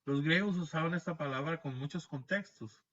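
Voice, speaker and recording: A man leads a Bible class over a video call, explaining step by step and often checking with listeners. His voice is bright and forceful and sits a little high for a man. The audio is dull and lo-fi, as on a video call. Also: moderate pace. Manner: explanatory, frequent tag questions, restarts words.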